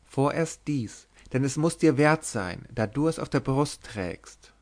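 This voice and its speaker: A man's voice: medium pitch, animated, a little slow, a little mellow, close to an everyday voice. A man reading aloud, voicing a teasing young noblewoman disguised as a lord, who speaks in a lisping, coy whisper.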